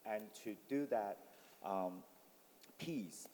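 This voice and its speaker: A low-voiced man speaks in a thoughtful, explanatory way with frequent fillers. His voice is mellow and dark. The recording carries the long reverb of a hall. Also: drawn-out words, slight background noise. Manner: reflective, explanatory, many fillers. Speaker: artist on a panel. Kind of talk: panel talk. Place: forum venue with audience.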